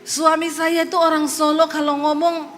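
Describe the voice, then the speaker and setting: A woman from Sulawesi giving her testimony as a preacher, a lively storyteller who slips into voices. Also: high-pitched, normal speed. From Sulawesi, Indonesia. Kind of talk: testimony sermon. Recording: long hall reverb with faint music.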